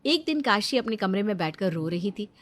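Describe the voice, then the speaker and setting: A woman narrating a scripted cartoon story in an even, clear storytelling manner. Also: mid-range voice, a little fast.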